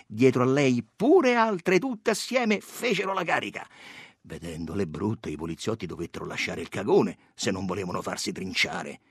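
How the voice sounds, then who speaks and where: Expressive man narrating a story. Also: fairly low pitch, husky, no room sound, studio quality. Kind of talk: dramatic story reading.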